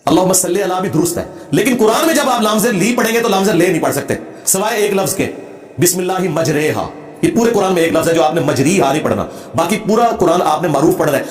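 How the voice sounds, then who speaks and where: Male religious lecturer, combative and emphatic, fast delivery, roomy echo. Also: high voice, lively intonation. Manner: emphatic and combative, demonstrates Arabic recitation. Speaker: religious speaker. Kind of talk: lecture answering a question.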